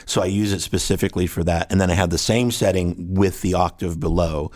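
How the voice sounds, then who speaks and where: Very low-voiced man explaining his gear. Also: fairly even intonation, a little fast, darkish tone. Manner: rambling, technical, imitates rhythms with syllables. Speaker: guest musician.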